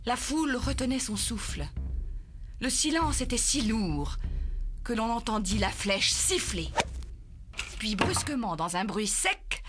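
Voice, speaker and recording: A woman narrating a children's story in a measured, dramatic way. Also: on the high side, very animated. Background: music.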